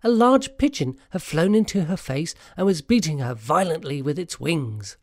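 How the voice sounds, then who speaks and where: Lively, dry-sounding storybook narrator. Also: medium pitch, moderate pace, no room sound.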